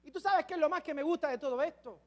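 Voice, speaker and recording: A man preaching a sermon as a pastor, chatting with humor, then dropping to hushed asides and rising to shouted climaxes. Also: very high voice, fast. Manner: conversational and humorous with the congregation.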